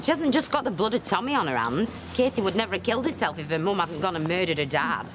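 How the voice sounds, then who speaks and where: A hard-nosed woman with a northern English accent. She talks bluntly and scornfully, her pitch swinging freely. The soap dialogue sits in clear background noise. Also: big pitch swings, fast talker.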